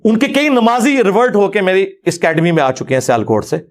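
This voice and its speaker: Guy with a higher voice arguing his point in a lecture, blunt and direct. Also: very animated. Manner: argumentative, direct. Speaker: religious scholar. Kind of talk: lecture rebuttal.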